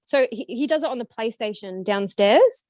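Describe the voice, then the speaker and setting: A woman in her thirties talks casually as a guest on a video call, rambling and leaning on fillers. Her voice sits a little high, and the sound is dry and close. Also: lively intonation, moderate pace, darkish tone, no room sound. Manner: rambling, lots of "like" and "you know". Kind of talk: casual chat.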